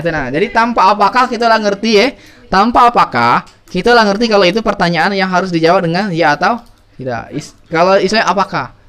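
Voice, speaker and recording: A man's voice: sits high, fairly bright tone, smooth. A man teaching a class, playful and calling on students by name. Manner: playful, calls on students by name, asks questions. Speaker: English teacher. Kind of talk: classroom review lesson.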